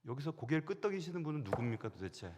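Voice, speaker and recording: A middle-aged senior pastor with a fairly high voice preaches a sermon very fast, telling stories animatedly and acting out the voices he quotes. The church sanctuary gives a long hall reverb, with a little hiss or hum in the recording.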